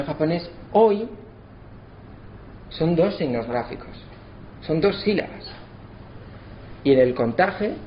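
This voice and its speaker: A man giving a lesson, slowing down to sound out words syllable by syllable. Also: a little high. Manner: spells out syllables slowly to demonstrate. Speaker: lecturer. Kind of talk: explanatory lesson. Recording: slightly dull, faint background noise.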